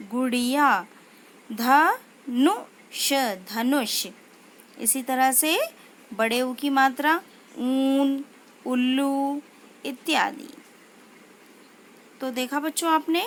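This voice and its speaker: A woman teaching a children's language lesson, saying each word slowly and twice. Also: high voice, a bit bright, slight background noise. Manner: slow, drawn-out pronunciation of each word, repeating it twice. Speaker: school teacher.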